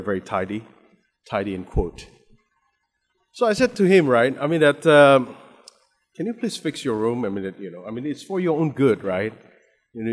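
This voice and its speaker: An Indonesian man with an Indonesian accent preaches a sermon in a medium-pitched voice, building to emphatic stress. He often restarts and repeats words, and the recording carries a long hall reverb.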